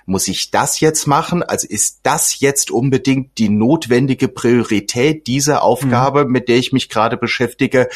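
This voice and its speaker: A man speaks as a guest coach on a casual podcast, laying out his ideas in a thoughtful, unhurried way. His voice is husky and slightly breathy, and his explanations are full of small fillers. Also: mid-range voice.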